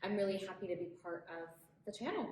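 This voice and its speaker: A woman's voice: medium pitch, animated, fast, a little mellow. Young woman from ethiopia chatting as a guest, upbeat, lots of restarts, big echoey room with faint hum behind. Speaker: guest, HR professional. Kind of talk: casual video interview.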